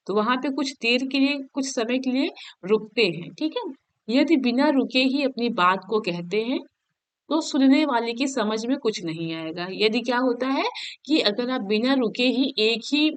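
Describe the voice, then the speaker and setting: A woman teaching a Hindi grammar lesson for exam prep. She reads each definition slowly, then explains it again in everyday words, often checking "okay?". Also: on the high side, dry recording. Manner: explains each point twice, keeps asking "ठीक है?".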